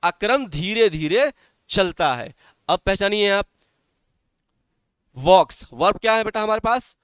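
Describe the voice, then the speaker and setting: A man's voice: high voice, lively intonation, unhurried, fairly bright tone, clean tone, dry recording, clean studio sound. A male teacher giving an online class, explaining in Hindi-Urdu, often repeating points and asking his students questions. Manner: calls students "beta". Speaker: English teacher.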